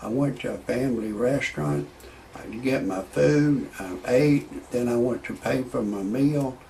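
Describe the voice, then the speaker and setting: A man in his sixties, a video blogger, talks at a measured pace in a creaky, warm, mid-range voice, with a little hiss or hum in the audio. His rambling opinions, full of repeated words as he seeks a point, give way to stand-up jokes.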